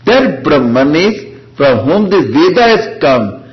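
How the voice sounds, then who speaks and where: A man's voice: a little high, very animated, takes it slowly. A man with an Indian accent giving an informal lecture on scripture as a spiritual teacher, punctuating his explanations with short check questions and Sanskrit phrases. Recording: dull, lo-fi lecture recording.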